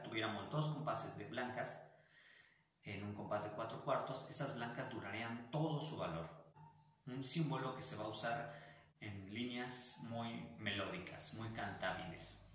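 A man's voice: fairly low pitch, fairly bright tone. A man with a Mexican Spanish accent teaching an online music theory class, explaining patiently and singing syllables to demonstrate articulations. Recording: very echoey room, faint noise.

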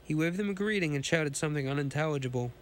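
Hosting a podcast, a hoarse man with a cold reads a pulp science fiction story aloud, frequently stumbling and restarting lines. He speaks fast in a slightly high voice, with slight background noise.

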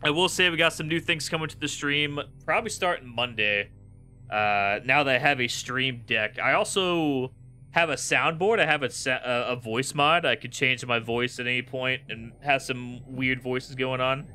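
A young man streams a retro video game, his medium-pitched voice smooth and sharp-toned at normal speed, with faint music behind him. His live gameplay commentary is casual and laid-back but punctuated by frustrated swearing.

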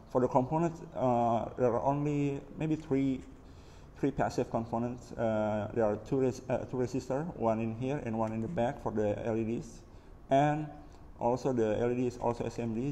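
A hobbyist maker with an Indonesian accent gives a casual, unscripted hands-on overview of his DIY electronics build in a medium-pitched, mellow voice. Only his hands appear on camera at a wooden table indoors, in a reverberant room with background noise.

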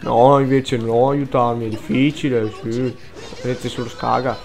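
A young man commentating his gameplay, swearing often, muttering and then bursting into frantic shouts. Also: medium pitch, steady tone, measured pace, gravelly. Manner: swears a lot, frantic outbursts, mutters under breath. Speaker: gaming let's player.

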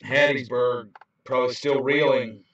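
A man's voice: medium pitch, fairly even intonation, a little slow, a bit bright. A man who chases storms, explaining weather radar to viewers in an informal video, recorded on a handheld camera. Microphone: handheld camera, away from the mouth. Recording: roomy, dull, distant handheld camera mic.

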